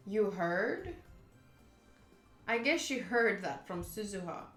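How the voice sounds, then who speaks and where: Slow and mid-range, with big pitch swings, a woman reads a visual novel's narration aloud on stream, adding casual reactions. Game music plays behind her, and her voice track sounds roomy and echoey.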